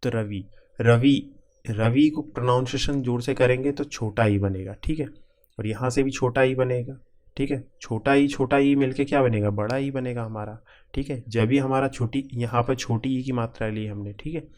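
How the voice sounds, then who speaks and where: A man's voice: medium pitch, steady tone, a little mellow. A man teaching a grammar lesson for exam students, breaking words into parts step by step and often checking in with the class. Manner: repetitive, keeps checking in with "ठीक है"; spells out word parts slowly, piece by piece.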